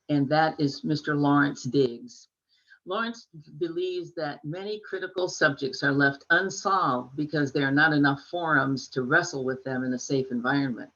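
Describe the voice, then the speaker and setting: A woman's voice: low-pitched, fairly bright tone. Older woman on a dull lo-fi call. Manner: gracious, measured, with small restarts. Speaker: poet and co-host. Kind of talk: introductions at a poetry reading.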